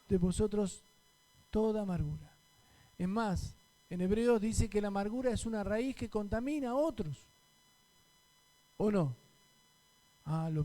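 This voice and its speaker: A man's voice: sits high, dark tone. A man with a Rioplatense Spanish accent, a pastor preaching a conversational sermon and asking the congregation questions. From Argentina.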